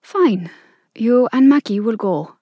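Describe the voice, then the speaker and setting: A woman's voice: on the high side, animated, slow, dark tone, breathy edge, no room sound, exaggerated voice. A stoic fairy queen issues firm, clipped orders in a storybook reading, as a woman puts her on. Her voice is raised and sounds dry and close. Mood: commanding.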